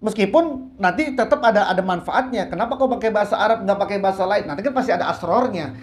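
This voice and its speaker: A woman as religious teacher, reading Arabic phrases one by one and explaining them in a relaxed, conversational way. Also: medium pitch, quick pace. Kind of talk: kitab study lecture. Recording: roomy echo with faint hiss.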